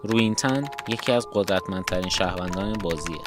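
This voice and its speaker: Male rules narrator, low voice, music bed. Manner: explanatory. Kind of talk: scripted narration.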